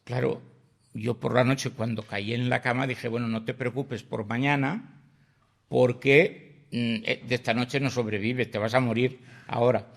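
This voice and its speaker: Older man, gravelly voice, animated storyteller, podcast guest. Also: mid-range voice, unhurried. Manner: vivid anecdotal storyteller, acts out dialogue, swears casually.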